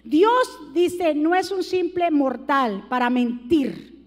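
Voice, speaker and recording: A woman preacher giving an evangelical sermon to her congregation, moving between hushed asides and loud, drawn-out shouted appeals and putting questions straight to her listeners. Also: high voice, lively intonation. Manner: addresses the congregation directly with questions. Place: church sanctuary. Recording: long hall reverb.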